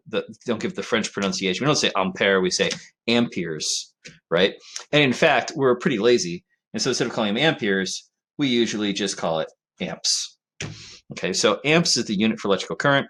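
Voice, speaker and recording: Casual lecturing man, lowish voice. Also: fairly bright tone, slight background noise. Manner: conversational, frequent fillers and "right?" check-ins. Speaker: physics teacher. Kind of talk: recorded classroom lecture.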